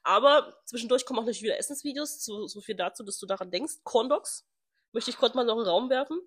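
A young woman co-hosting a podcast in casual chat, chatty and quick to laugh, sometimes searching for words. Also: fairly high pitch, slight background noise. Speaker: podcast co-host.

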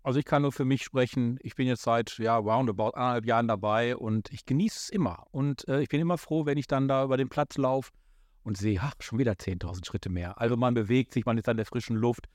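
A man's voice: mid-range voice, brisk, darkish tone, dry recording, studio quality. A man in his fifties co-hosting a podcast, asking questions in a loose, joking way. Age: 50s. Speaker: podcast co-host. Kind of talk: casual podcast chat. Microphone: studio microphone.

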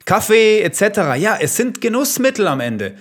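A man talking as a health coach in a podcast conversation, energetic, with punchy short statements and rhetorical questions. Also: high voice, normal speed. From Italy.

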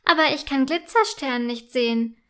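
A woman voicing a friendly lilac unicorn stallion who speaks calmly and politely in a children's story. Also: sits high, moderate pace, clean tone.

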